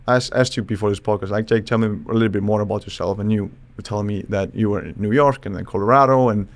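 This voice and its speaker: A man from Iceland, a psychologist guest on a podcast, explaining in a thoughtful, halting way with frequent restarts. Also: on the low side, fairly even intonation. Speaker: psychologist and charisma expert guest. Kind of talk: casual podcast interview.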